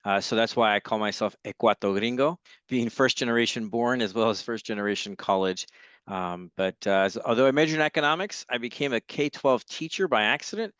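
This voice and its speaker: A man with a smooth, resonant voice of ordinary pitch tells stories with real enthusiasm as an interview guest. He is from Los Angeles and talks over a video call. The sound is dry and close, with no room around it. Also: a little fast, dry recording, dull audio. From Los Angeles, United States. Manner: enthusiastic, lively storyteller. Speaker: guest workshop facilitator. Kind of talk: conversational interview.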